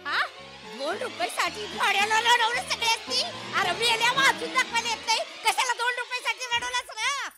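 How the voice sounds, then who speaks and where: A woman's voice: extremely high pitch, normal speed, over loud music. An actress playing an anxious old village woman who begs for news of her son and scolds when she is upset. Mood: indignant scolding. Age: older. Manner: pleading, then tearful and scolding. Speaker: villager waiting for her son's letter.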